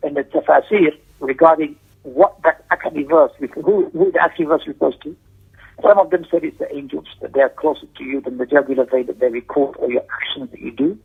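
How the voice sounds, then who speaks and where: This brisk Islamic lecture comes from a man with a fairly high, gravelly voice, teaching a religious lesson. He emphatically repeats key phrases while explaining a text, and the sound is thin and tinny, as though heard over a phone line.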